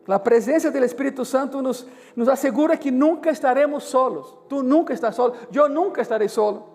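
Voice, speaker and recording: Pastor, animated storyteller in a sermon, echoing church hall with soft music. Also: male voice, very high-pitched, a little fast. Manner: animated, acts out dialogue in the story. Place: church service.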